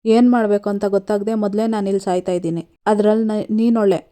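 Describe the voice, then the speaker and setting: Woman as distraught young college girl, pleading, low-key delivery. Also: fairly even intonation, fast, warm tone, natural voice. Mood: upset. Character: young college girl in love, tearful and desperate.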